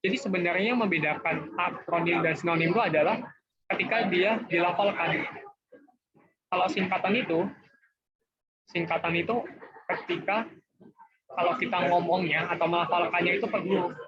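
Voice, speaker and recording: A man's voice: high voice, steady tone, normal speed, long pauses, crowd noise. A young man with a casual manner, teaching an online class in a chatty, way. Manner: chatty, informal, often says guys and gitu. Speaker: tutor. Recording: dull lo-fi online class audio.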